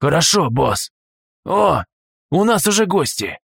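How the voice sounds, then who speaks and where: A man's voice: fairly high pitch, big pitch swings, vocal fry, a bit bright, husky, no echo, studio quality, pitched above the performer's own voice, full character voice. A man doing a brash cocky young fighter. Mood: cheeky. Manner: brash, quick-tempered. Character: brash cocky young male team member.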